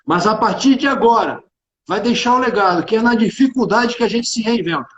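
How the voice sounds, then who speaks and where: On an informal business livestream, a tax consultant and executive from Rio de Janeiro speaks fairly quickly in a high, slightly bright voice with a Carioca Brazilian Portuguese accent. He's emphatic and colloquial, often repeating phrases. The echoey room and dull, band-limited stream make the sound roomy and muffled.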